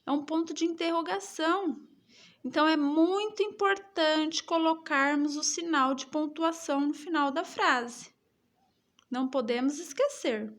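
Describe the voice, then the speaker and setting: A woman teacher with a Brazilian Portuguese accent, reading a schoolbook lesson aloud to children with slow, exaggerated intonation. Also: sits high, fairly bright tone.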